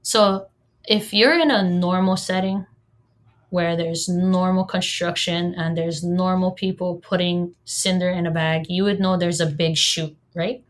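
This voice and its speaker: Talking straight to her audience, this Hawaiian woman in her thirties, a native Hawaiian speaker, runs her solo podcast in a humorous, conversational style. Her voice sits fairly low, steady in tone and a little slow.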